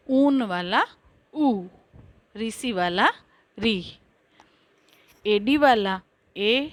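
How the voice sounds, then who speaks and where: A woman teacher giving a basic alphabet lesson, reciting letters and words one at a time with careful, drawn-out pronunciation. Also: a little high, no echo. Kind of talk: slow Hindi alphabet lesson.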